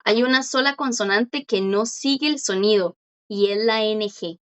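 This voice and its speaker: A woman teaching a language class online, patiently explaining and slowly repeating words for her students. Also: mid-range voice, a bit bright, smooth, lo-fi sound.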